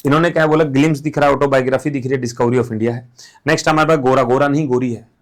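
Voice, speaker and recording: A man's voice: mid-range voice, steady tone, quick pace. A man teaching exam material through playful, silly memory stories in a casual classroom manner. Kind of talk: mnemonic lesson, casual classroom talk.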